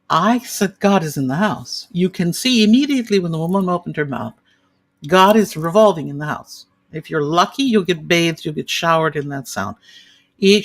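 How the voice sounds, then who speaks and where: A woman in her sixties, an opera singer as interview guest, telling gushing, animated stories in casual chat. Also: low-pitched. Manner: animated, gushing anecdotes with vivid imagery.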